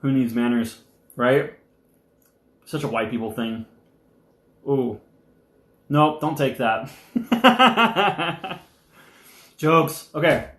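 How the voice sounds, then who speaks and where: A young man hosting a casual live stream, rambling and animated, sometimes talking with his mouth full. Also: mid-range voice, extremely slow, long pauses, reverberant.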